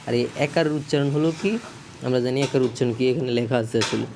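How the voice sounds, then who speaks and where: Brief: man teaching a casual video lesson, middle pitch, halting, self-correcting, faint noise behind. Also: gravelly. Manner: repeats checks for understanding.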